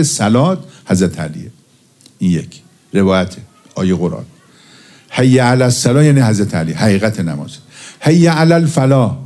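A man's voice: lowish voice, mellow. A man preaching a religious sermon and telling jokes with a storyteller's timing. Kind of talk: religious sermon with humorous anecdotes.

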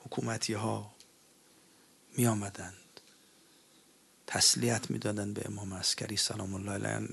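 A man's voice: on the low side, vocal fry, a bit bright, slight background noise. A man preaching a religious mourning sermon, moving between spoken eulogy and chanted elegy in a mournful, grieving way.

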